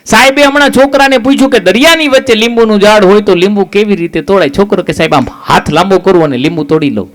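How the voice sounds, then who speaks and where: A man's voice: high voice, quick pace. A man telling jokes on stage in a live stand-up comedy show, acting out little stories with quoted dialogue.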